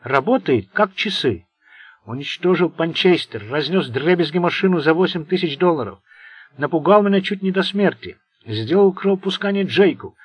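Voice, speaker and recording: A man's voice: on the high side, animated, normal speed, husky, no echo, highs cut off, pitched above the performer's own voice. A man voicing a bitter, sardonic Italian gangster who rambles nervously. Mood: anxious. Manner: sarcastic, venomous.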